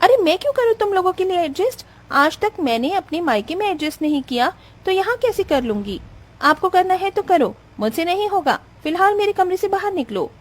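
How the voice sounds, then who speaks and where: A woman voicing a selfish, spoiled rich young wife who talks in a shrill, demanding way in a cartoon. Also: lively intonation, normal speed, a little mellow. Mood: angry.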